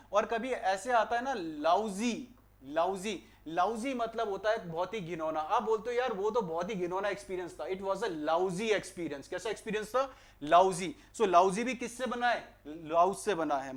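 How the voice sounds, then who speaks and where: A high-pitched young male teacher with an Indian accent runs an online exam-prep grammar class. He keeps asking his students questions and then answers them himself, sliding English phrases into his explanations.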